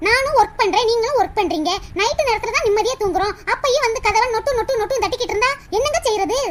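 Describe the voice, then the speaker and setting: A woman's voice: very high-pitched, a bit bright, a little hiss or hum. A woman voicing a scornful young wife who scolds her husband and sneers at his sister. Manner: scolding, sneering, quick retorts.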